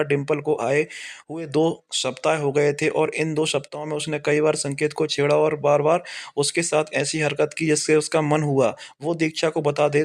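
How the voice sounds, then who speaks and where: Guy reading out a story in a fairly high voice, names who talks before each line, trips over a word now and then. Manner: reads every part himself, naming each speaker before the line. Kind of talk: scripted story narration.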